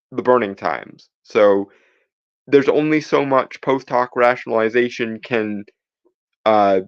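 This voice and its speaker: A podcast co-host with a mid-range voice lectures emphatically in argumentative commentary, rebutting a reading and restarting phrases as he makes his case. The audio is dull, with no room sound.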